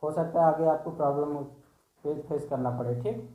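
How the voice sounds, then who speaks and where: A man's voice: on the high side, normal speed, roomy sound, narrow, tinny audio. A male teacher giving an exam-prep reasoning lesson, explaining step by step and often checking in with "theek hai".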